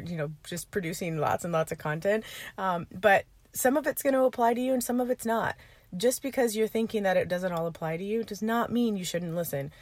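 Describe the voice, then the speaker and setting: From the driver's seat of her parked car, a woman hosts her podcast, rambling and chatting with frequent laughter. She works as a podcast host and coach and speaks at a medium pitch. The informal, computer-free setup leaves no room sound.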